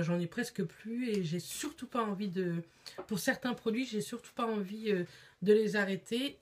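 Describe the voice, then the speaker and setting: A woman chatting casually on camera in a beauty haul vlog, with lots of hesitations. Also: mid-range voice. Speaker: beauty vlogger.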